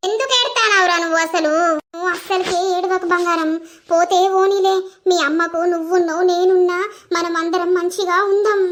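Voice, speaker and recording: A woman's voice: very high voice, fairly even intonation, brisk. A woman voicing a young college girlfriend who coaxes and pleads in endearments, for a village cartoon. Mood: coaxing.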